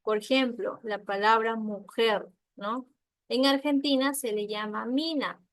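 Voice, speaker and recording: A woman from Peru with a Peruvian accent teaching an online class, explaining step by step and often checking with quick tag questions. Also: a little high, steady tone, no room sound. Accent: Peruvian Spanish.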